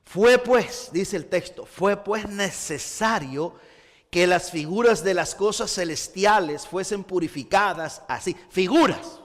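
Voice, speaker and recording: A man's voice: high-pitched, measured pace, in a large hall. A man preaching a sermon as pastor, with rising emphasis and frequent repeated starts. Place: church hall.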